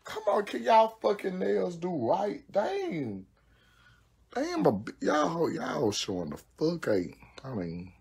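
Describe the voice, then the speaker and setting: A woman's voice: lowish voice, huge pitch swings, slow pace, gravelly, a little mellow, husky. A woman on a phone livestream at home, talking casually and cursing freely while she does her own nails. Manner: brash, profane, exclamatory, frequent cursing. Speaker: social media personality.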